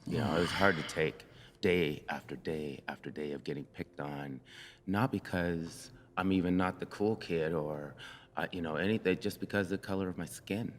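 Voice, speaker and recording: Very deep-voiced older man, reflective storyteller. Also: a little hiss or hum. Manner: slow, reflective, many pauses and fillers. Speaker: church member sharing his story. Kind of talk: personal storytelling in a conversation. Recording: reverberant room.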